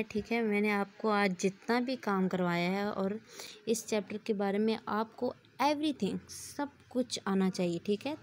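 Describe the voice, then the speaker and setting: A woman teacher speaks at a slow, careful pace in a mid-range voice. She reads each English question slowly and then goes over it again in Urdu-Hindi. She keeps checking in with "theek hai" as she moves through the lesson. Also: medium pitch, slight background noise. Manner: repeats "theek hai" often. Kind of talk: recorded classroom lecture.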